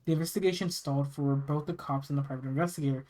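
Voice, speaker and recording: Horror story narrator from the US, mid-pitched, halting read with repeated phrases and casual delivery. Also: steady tone, a little mellow. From United States. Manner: halting reading, often stumbling and repeating phrases. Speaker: narrator reading scary stories. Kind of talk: reading a first-person horror story aloud, with casual asides.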